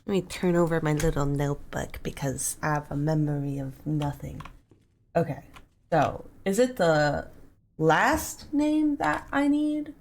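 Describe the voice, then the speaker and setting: A woman's voice: low voice, animated, measured pace, vocal fry, a little mellow, slight background noise. A woman streaming a horror game, reading in-game notes aloud and swearing casually at enemies. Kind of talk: live gameplay commentary.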